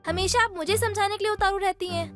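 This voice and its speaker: A woman voicing a quarrelsome young daughter-in-law in an animated story, combative and taunting. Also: extremely high pitch, fast, over music. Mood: angry. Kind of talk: animated cartoon voice acting.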